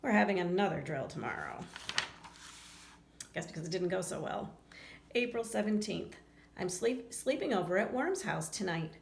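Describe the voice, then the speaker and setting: Her voice on the low side and creaky, a woman reads a children's book aloud at normal speed, pausing often. She performs the lines with expression and turns to the young listeners for casual chatter. A roomy echo and faint background noise come through.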